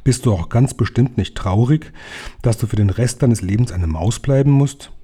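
A man reading the lines of an 86-year-old grandmother, slow and gentle, in an audiobook. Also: medium pitch, expressive, slightly rough. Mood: tender. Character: 86-year-old grandmother, calm, loving and wise.

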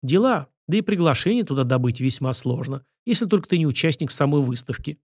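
A man reading the lines of a calm, ironic young man in an audiobook, dry in manner. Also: fairly high pitch, brisk, breathy edge, no room sound.

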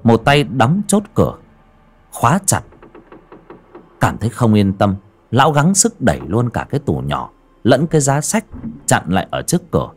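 A man narrating a horror audiobook in a dramatic, expressive way. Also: medium pitch, normal speed, pauses often. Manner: expressive, rising and falling with the drama.

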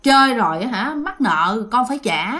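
A woman voicing a fed-up adult daughter who talks firmly and quickly in a Southern Vietnamese accent. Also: fairly high pitch, expressive, pushed and bright. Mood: exasperated.

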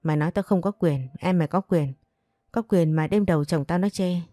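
Brief: a jealous, abusive young concubine, read by a woman narrator, low and dry. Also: brisk, warm tone, no echo, lightly acted. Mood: furious. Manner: scolding, abusive. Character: foul-mouthed jealous young concubine, shrill.

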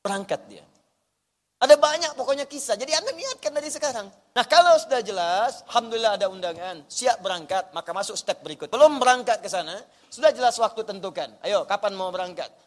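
Ustaz preaching, high voice, lively hushed-to-loud delivery. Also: male voice, brisk. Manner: lively, swings from hushed storytelling to loud urging. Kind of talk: sermon. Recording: long hall reverb.

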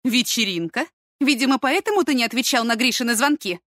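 A woman voicing a stern middle-aged mother, a school director, who talks in sharp, demanding outbursts. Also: high-pitched, expressive, fast talker, no room sound, clean studio sound, voice pushed up.

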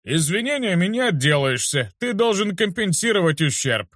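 A man's voice: high-pitched, very animated, moderate pace, fairly bright tone, dry recording, clean studio sound, voice pushed up, full character voice. A man voicing a boastful teenage warrior who bullies a newcomer, in a blustering, demanding manner. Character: boastful teen warrior bullying a newbie.

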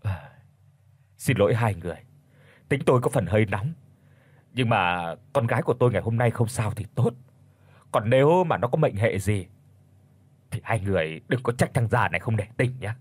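A man voicing a frantic middle-aged father who pleads and shouts in a hurry, with a husky voice. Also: fairly low pitch, lively intonation, no room sound. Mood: subdued, threatening. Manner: desperate, shouting, hurried.

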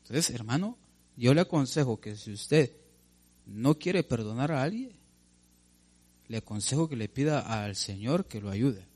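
A male preacher in full sermon mode, speaking at an ordinary middle pitch. He presses his points with emphasis and keeps turning to the congregation with direct questions, addressing them as brother. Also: animated, unhurried, pauses often, a little mellow.

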